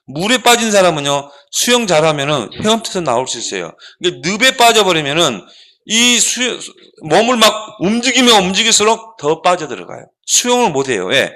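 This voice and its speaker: A man preaching a children's sermon, animated and asking the children rhetorical questions. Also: sits high, moderate pace. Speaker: pastor.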